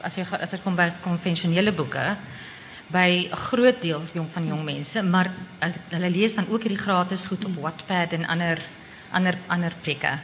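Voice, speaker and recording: A woman's voice: on the low side, moderate pace, a bit bright. A woman with a broad South African Afrikaans accent, speaking informally in a panel discussion. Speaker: publisher on a panel. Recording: echoey hall with background noise.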